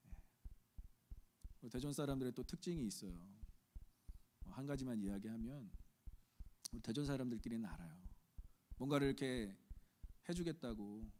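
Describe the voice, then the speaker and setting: A middle-aged Korean man with a Chungcheong accent, preaching a sermon with animated delivery, asking the congregation questions and acting out quoted voices. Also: mid-range voice, normal speed, long pauses, slight background noise. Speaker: pastor.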